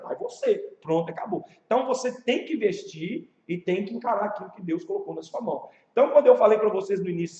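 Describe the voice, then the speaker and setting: Pastor teaching a church leadership class, Brazilian accent, lively storyteller, high voice, recorded in an echoey, muffled room. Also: male voice. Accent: Brazilian Portuguese. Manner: animated storytelling with rhetorical questions.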